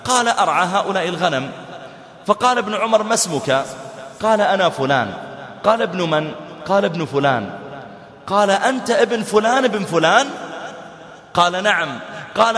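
In an echoey hall, a man with a high, fairly bright voice preaches a storytelling sermon. He acts out the dialogue dramatically, with big swings in his voice.

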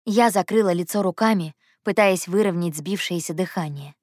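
A woman's voice: fairly low pitch, normal speed, darkish tone, no echo, clean studio sound. Young woman narrating an audiobook. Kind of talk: first-person audiobook narration.

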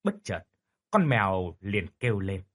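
A man's voice: low-pitched, sing-song, unhurried. A man narrating a horror story dramatically.

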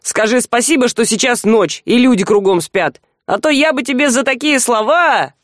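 A woman reading an audiobook voices a gruff young thief who grumbles and sounds suspicious. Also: fairly high pitch, normal speed, dry recording, studio quality, close to an everyday voice. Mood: threatening.

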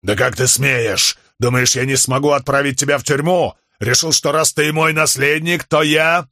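A man's voice: medium pitch, fairly even intonation, normal speed, bright, forceful tone, no room sound, studio quality, pitched above the performer's own voice, natural voice. A man voicing a raging middle-aged noble father who roars and blusters. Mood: furious. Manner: roaring, blustering.

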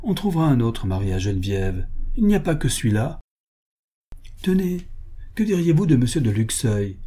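A man reading an audiobook voices a sharp-tongued older baroness who arranges marriages, speaking with a pointed, queenly tone. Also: medium pitch, sing-song, moderate pace, breathy edge. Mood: persuasive. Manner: pointed, persuasive, offended queenly tone.

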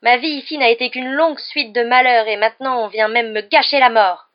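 A woman's voice: on the high side, fast talker, lo-fi sound, voice pushed up, natural voice. A woman voicing a whiny, touchy ghost schoolgirl who wails and sobs in self-pity. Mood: wailing. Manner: wailing, sobbing and self-pitying.

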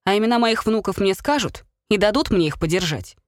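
A woman's voice: medium pitch, animated, a little fast, no room sound, studio quality, close to an everyday voice. A woman reading a blustering middle-aged father, a former soldier, who blurts and pleads with his wife. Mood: exasperated.

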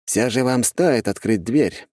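A male audiobook reader voicing a loyal, blunt male investigator with lively, emphatic delivery. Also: mid-range voice, unhurried, dry recording, studio quality, pitched above the performer's own voice, natural voice. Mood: deferential. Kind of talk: audiobook character voice.

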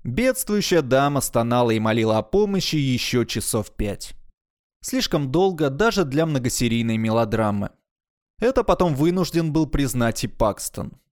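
A male narrator reads a science fiction story in a measured, expressive manner. His voice is middle-pitched for a man, steady and clear. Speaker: audiobook narrator. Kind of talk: audiobook narration.

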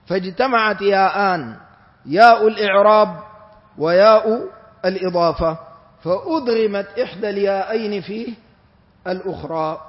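A man giving a Quran exegesis lecture with chanted recitation, explaining earnestly and repeating key words. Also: sits high. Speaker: Quran commentator. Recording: echoey hall, dull lo-fi recording.

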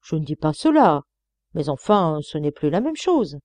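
A woman's voice: sits low, sing-song, moderate pace, a little mellow, no room sound. A woman reading an audiobook and voicing a pompous elderly village priest who preaches to children and stammers when alarmed. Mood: relieved.

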